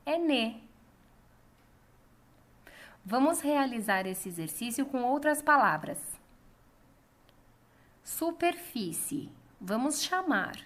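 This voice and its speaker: Brazilian teacher lady, talks real slow, stretches out the words, kinda high voice. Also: fairly bright tone. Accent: Brazilian Portuguese. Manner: calls out words slowly, stretching the stressed syllable. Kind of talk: slow, clear classroom lesson.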